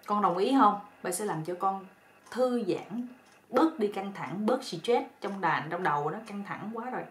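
A woman voicing a kindly seventy-year-old father-in-law who speaks in a soft, coaxing way. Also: mid-range voice, animated, a little slow, lightly acted. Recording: roomy echo with faint noise.

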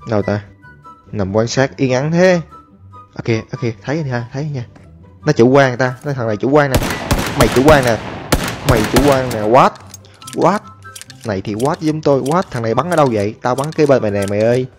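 A man giving excitable, chatty commentary over his own gameplay, talking to viewers and taunting enemies. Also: medium pitch, brisk, long pauses. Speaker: gaming streamer. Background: game music and gunfire.

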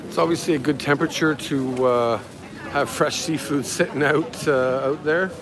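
This fairly high-pitched man speaks at a moderate pace, casually narrating a walking tour as a live-streaming travel vlogger and guide. He wanders and rambles along a bustling outdoor market street, with a street crowd and passing vehicles in the background.

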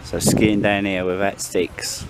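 Rambling vlogger husband, outdoor camera audio swamped by noise. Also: male voice, low voice, flat delivery, takes it slowly. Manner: chatty, affectionate, rambling. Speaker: vlogger filming his wife skiing. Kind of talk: casual vlog narration. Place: outdoor ski slope. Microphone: camera mic. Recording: handheld camera outdoors with loud wind and crowd noise.

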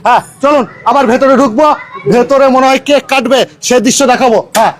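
A man's voice: very high voice, fairly even intonation, fast. A man with a West Bengal Bengali accent presenting a promotional live video, announcing offers in a salesy way and repeating key phrases. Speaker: on-location presenter and interviewer.

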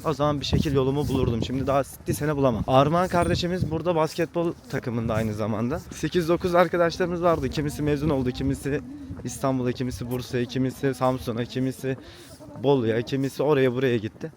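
A man's voice: medium pitch, quick pace. A young male student chatting casually outdoors, full of friendly banter. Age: young adult. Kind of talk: casual chat.

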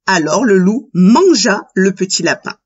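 Lively woman reading a children's story. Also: mid-range voice, measured pace, husky, lo-fi sound. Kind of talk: children's audiobook narration.

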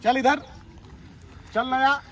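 A young man coaching army recruits in an instructional video, giving brisk commands and teasing them as he drills. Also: very high-pitched, steady tone, fairly bright tone, a little hiss or hum. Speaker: army recruitment physical trainer.

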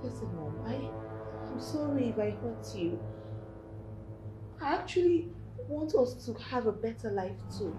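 A woman's voice: fairly high pitch, lively intonation, a little slow, long pauses, echoey room, over music, rough recording. An actress with a Nigerian accent playing an earnest young daughter pleading with her mother.

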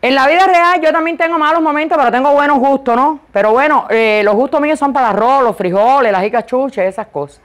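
Loud high-voiced woman clowning in a boutique. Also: quick pace, few pauses. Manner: playful, joking, self-mocking. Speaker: vlogger modeling boutique clothes. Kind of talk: casual chatty vlog. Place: clothing boutique.

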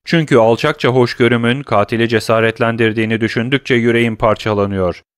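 A man voicing a grave family doctor who speaks in a firm, measured tone, in an audiobook. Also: mid-range voice, fairly even intonation, clean tone, no room sound, clean studio sound, natural voice. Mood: resolute.

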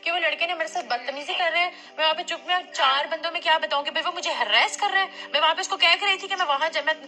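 A woman's voice: very high voice, fast talker, pushed and bright. Indignant young woman on a phone call. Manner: indignant, insistent, repeats herself. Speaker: complaining client on a phone call. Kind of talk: heated phone argument. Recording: phone call recording with faint music.

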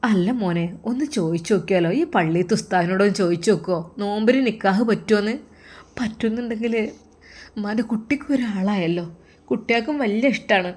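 A loving older mother, full of worry, coaxes her grown son in a Malappuram Malayalam accent, voiced by a woman narrator. She pleads with him softly and tenderly in this spoken story. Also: medium pitch, fairly quick, lightly acted. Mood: sorrowful. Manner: coaxing and tender, calls him "my dear son".

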